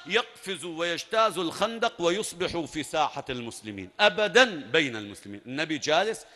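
A man's voice: fairly high pitch, animated, fast talker, sharp tone. A man preaching a sermon, telling a story dramatically with emphatic bursts. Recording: long reverb at a large venue.

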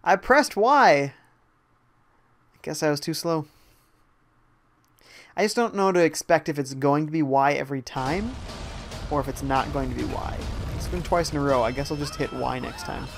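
A man's voice: a little high, moderate pace, soft background music. A young man casually commentating a live game stream, reading viewer chat aloud and reacting to the gameplay. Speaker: gaming streamer.

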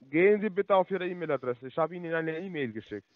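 A man's voice: fairly high pitch, lively intonation, fast, no echo, narrow, tinny audio. Pushy man in broken German. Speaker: scam call-center agent. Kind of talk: phone call.

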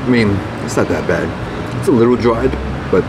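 A man's voice: on the low side, lively intonation, normal speed. A man reviewing gas station food while chewing, talking with his mouth full and humming between bites. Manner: casual, muttering between bites. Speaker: food vlogger. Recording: loud background noise.

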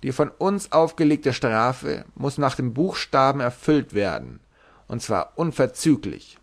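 A man voicing a grim plague president who issues legal decrees in a slow, solemn, pompous way. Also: medium pitch, big pitch swings. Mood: stern.

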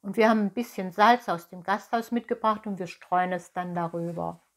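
A woman voicing a sly, smooth-talking male fox in a storybook reading. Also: mid-range voice, normal speed, natural voice. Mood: bossy.

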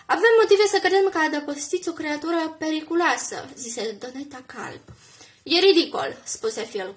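High-voiced woman reading a storybook. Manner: expressive, raising pitch and volume for quoted characters. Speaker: reader. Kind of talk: reading a children's book aloud.

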